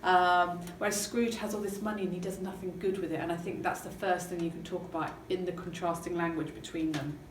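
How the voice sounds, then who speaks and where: A woman's voice: on the low side, flat delivery, brisk, hardly any pauses. Chatty woman teacher, echoey room. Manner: chatty, hesitant, lots of ums. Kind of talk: casual literature lesson chat. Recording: roomy, distant mic, background noise.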